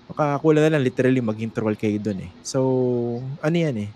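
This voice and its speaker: A man's voice: medium pitch, a little fast, darkish tone, slight background noise. A man hosting an interview, thinking aloud and often checking in with short tag questions. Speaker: host. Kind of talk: conversational interview.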